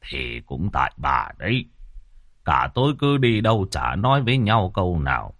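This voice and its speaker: A man's voice: deep voice, big pitch swings, moderate pace, a bit bright, no room sound, clean studio sound, exaggerated voice. A male narrator voicing a grumpy old village man who mutters complaints, in a storybook reading.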